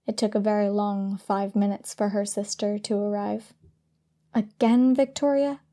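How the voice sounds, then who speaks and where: A woman narrating an audiobook in a steady, even storytelling manner. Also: mid-range voice, moderate pace. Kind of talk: scripted narration.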